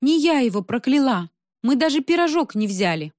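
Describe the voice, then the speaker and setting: A woman's voice: lowish voice, fairly even intonation, a little fast, darkish tone, no room sound, studio quality, lightly acted. A woman voicing a grumpy young woman who grumbles and hisses her lines. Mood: grumbling. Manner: grumbling, hissing.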